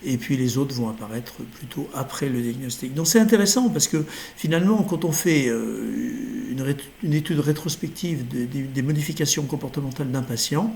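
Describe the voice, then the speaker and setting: A man's voice: mid-range voice, expressive, moderate pace, gravelly, darkish tone, a little hiss or hum. A middle-aged man giving a recorded lecture over slides, hesitant, with many fillers and self-corrections. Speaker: lecturer in neurology.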